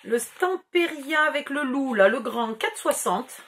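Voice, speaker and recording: A woman's voice: high-pitched, lively intonation, a little slow, a bit bright. A middle-aged woman chatting casually through a scrapbooking haul, rambling and mocking herself as she loses track. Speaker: scrapbooking YouTuber. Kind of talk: casual haul video chat.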